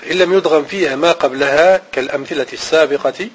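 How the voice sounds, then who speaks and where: Husky-voiced man. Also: a little high, rough recording. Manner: repeats each rule slowly several times, as if for dictation. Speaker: teacher. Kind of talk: Arabic grammar and Quran recitation lesson.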